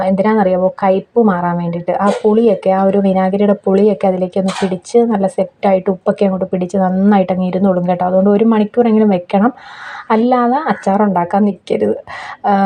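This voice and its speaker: A young woman narrates her home cooking in a quick, chatty voice-over, explaining every step and tossing in little tag questions to her viewers. Her voice sits at a middle pitch. The recording is dull and lo-fi, made outdoors. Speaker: cooking vlogger.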